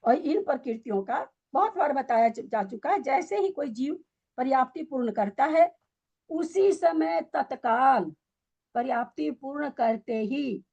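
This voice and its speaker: A woman's voice: high voice, gravelly, darkish tone, breathy edge, dull audio. A woman teaching a scripture study class, quizzing and scolding her students with pointed questions.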